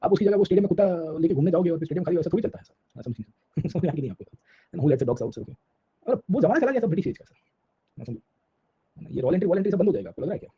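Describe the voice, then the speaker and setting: Male history lecturer, rapid husky delivery, code-switching, dull lo-fi recording. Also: on the high side, expressive. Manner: keeps checking in with the class with tag questions; mixes Hindi and English mid-sentence. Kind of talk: Hinglish classroom lecture.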